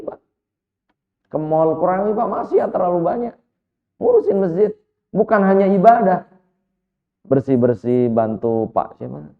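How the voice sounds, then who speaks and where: A man preaching as an Islamic preacher, telling a story with lively, repeated direct address to his listeners. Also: fairly high pitch. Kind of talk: sermon. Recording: echoey hall over a tinny line.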